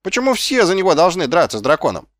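A sly, cowardly little guardsman with a raised, wheedling voice, as an audiobook narrator puts him on. His pitch jumps about lively from line to line, recorded dry and close. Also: no echo. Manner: quick, wheedling, questioning.

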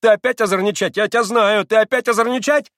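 A man voicing an agitated, dim-witted young clerk who shouts and repeats himself in a storybook reading. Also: high-pitched, fairly even intonation, fast talker, no echo, clean studio sound, pitched above the performer's own voice. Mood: agitated shouting. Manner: shouting, repetitive, flustered.

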